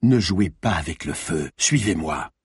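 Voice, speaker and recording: Narrator guy doing a cold killer with a gun, low husky voice, dry sound. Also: lively intonation, unhurried, dry recording, heavily acted. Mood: threatening. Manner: cold, threatening. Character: threatening male killer with a gun. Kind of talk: audiobook narration.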